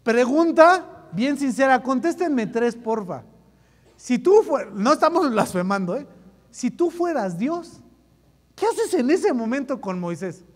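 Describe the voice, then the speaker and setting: A man's voice: extremely high pitch, very animated, measured pace. A man giving a joking, slang-filled sermon to a youth group. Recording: echoey hall reverb.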